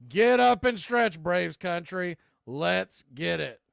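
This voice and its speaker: Over some background noise, an American man gives live baseball play-by-play in a high, creaky voice that is slow yet animated. He drifts into folksy, conversational asides as he calls the game.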